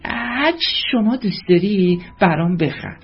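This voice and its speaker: A man voicing a cheerful, shy little girl with a high, childlike, pleading voice in a storybook reading. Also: lively intonation, gravelly. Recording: dull lo-fi with faint music.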